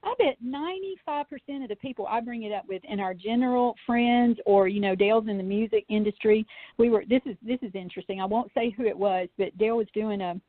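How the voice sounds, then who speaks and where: A woman's voice: a little high, brisk, no echo. Chatty woman over a tinny phone line. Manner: chatty, animated, tells anecdotes with many fillers. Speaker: podcast guest, UFO researcher. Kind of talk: casual storytelling in a call-in interview.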